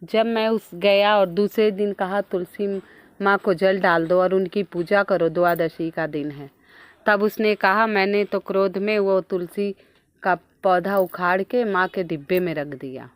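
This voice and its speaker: A woman's voice: mid-range voice, unhurried, no echo, close to an everyday voice. A woman voicing a grown son who earnestly explains himself to his mother in a folk tale.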